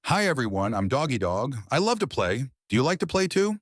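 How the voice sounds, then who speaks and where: A woman's voice: very deep voice, very animated, brisk, dry recording, clean studio sound, voice pushed down, heavily acted. A woman voicing a friendly, playful young male puppy in a preschool cartoon, barking between lines. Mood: eager. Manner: eager, barks between lines.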